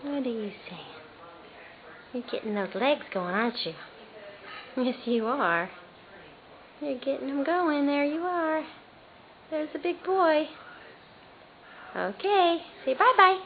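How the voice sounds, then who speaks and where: Singsong mother cooing slowly in baby talk. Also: high voice, animated. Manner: singsong, coaxing, repetitive. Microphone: camera held nearby. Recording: tinny lo-fi home video with chatter behind.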